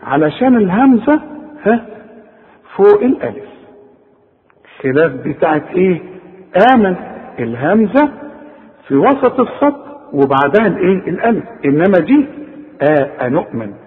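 An Egyptian man teaches the rules of Quran recitation, slowly drawing out the example words. His voice sits a bit high and moves a lot. It reaches us tinny and thin, as if over a phone, with a long echo from a hall. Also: big pitch swings. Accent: Egyptian Arabic. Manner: addresses the student directly, drawn-out recited examples. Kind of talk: tajweed lesson.

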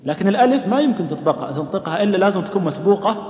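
A man with a high-pitched, expressive, rapid-fire voice explains recitation rules to a class, frequently questioning his listeners and chanting short examples. The recording has an echoey hall sound and dull lo-fi quality.

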